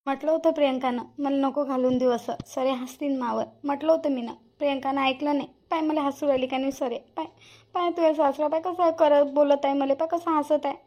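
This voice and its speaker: A touchy, scolding elderly village woman from a cartoon comedy, voiced by a woman. She talks high and fast. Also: steady tone, a little mellow, highs cut off, close to an everyday voice. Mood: indignant. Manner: indignant, scolding. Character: touchy elderly village woman Shantabai, proud of her dress. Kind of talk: cartoon voice acting.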